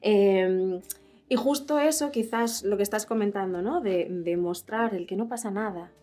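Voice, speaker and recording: A woman hosting a casual interview chat, lively and quick to laugh and exclaim. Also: medium pitch, soft background music. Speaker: host.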